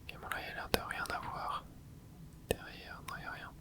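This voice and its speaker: Close to the mic, an ASMR host whispers along while gaming, offering quiet reactions and a running play-by-play at a moderate pace.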